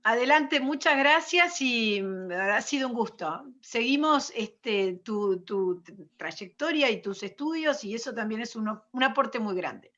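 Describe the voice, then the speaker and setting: Woman, very bright forceful tone, informal remarks, muffled video-call sound. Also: on the high side, expressive, measured pace, few pauses. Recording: dull video-call audio.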